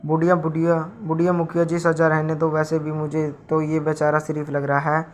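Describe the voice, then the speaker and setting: A man's voice: on the high side, completely flat delivery, fairly quick, slight background noise, lightly acted. Man playing a shrewd scolding old woman. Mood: complaining. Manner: scolding, complaining.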